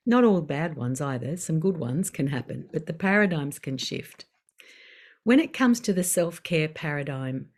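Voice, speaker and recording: A middle-aged woman, calmly and unhurriedly guiding a self-care session with gentle pauses. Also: low-pitched. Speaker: wellbeing session facilitator. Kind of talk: guided self-care talk.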